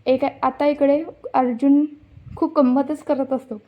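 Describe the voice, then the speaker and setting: A woman's voice: high voice, flat delivery, unhurried. A woman casually retelling an episode of a TV serial, unscripted and full of restarts. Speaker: narrator recapping a TV serial. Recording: dull lo-fi recording.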